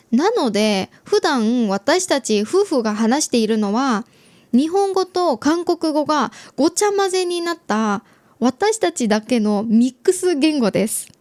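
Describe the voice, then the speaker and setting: High-voiced Japanese podcast host woman. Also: dry recording. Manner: gentle, explanatory, chatty with listener questions. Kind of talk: easy Japanese podcast talk.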